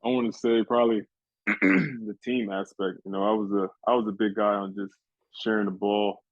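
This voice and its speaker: Laid-back young man, low flat voice. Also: normal speed, no echo. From New Jersey. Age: young adult. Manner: laid-back, polite, keeps saying "yes, sir". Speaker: college basketball player. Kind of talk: casual interview answers. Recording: dry, phone-like lo-fi sound.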